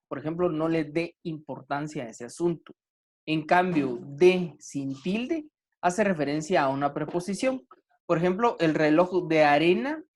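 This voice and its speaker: A man teaching an online grammar class, talking slowly with many fillers and restarts. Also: a little high.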